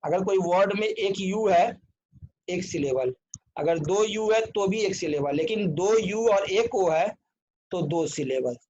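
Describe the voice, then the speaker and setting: A man's voice: sits high, expressive, measured pace, darkish tone. A man teaching an online English grammar lesson, spelling words out letter by letter and often checking whether his students follow. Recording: dull lo-fi recording.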